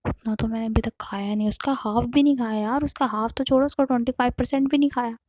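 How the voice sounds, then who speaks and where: A sulky, reproachful young woman in love, played by a woman telling the story, her voice sitting fairly high and sounding mellow and dry, close to the mic. She rattles off her complaints in quick bursts. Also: no echo, lightly acted. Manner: sulky, reproachful, fast when worked up. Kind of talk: storytelling role-play.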